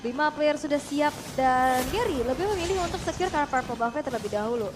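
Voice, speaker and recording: A woman giving casual, brisk analytic color commentary on an esports match. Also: sits high, background noise.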